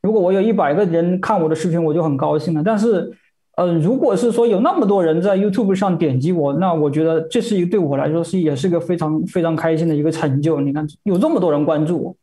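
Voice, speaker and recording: A man's voice: fairly high pitch, fast, warm tone. A man interpreting a sermon phrase by phrase, hesitant, with many fillers and repeated words.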